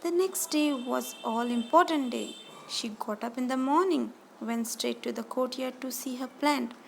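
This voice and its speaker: A woman teacher with an Indian English accent retelling a textbook story for a class, expressive, often repeating and rephrasing lines as she explains. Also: sits high, measured pace, vocal fry, slight background noise, low-quality recording.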